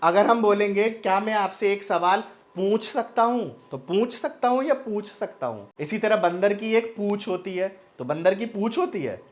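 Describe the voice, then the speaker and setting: A male language teacher with a high-pitched, expressive voice talks through a lesson by asking questions and answering them himself. He slowly repeats each word, drawing out its nasal sounds, and keeps asking whether it is clear.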